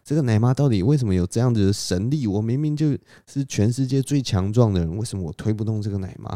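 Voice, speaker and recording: A man's voice: medium pitch, lively intonation, quick pace, mellow, no room sound, studio quality, pitched above the performer's own voice, natural voice. A man voicing a proud, stubborn male thunder god from a myth, insisting he will not give up. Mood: bewildered.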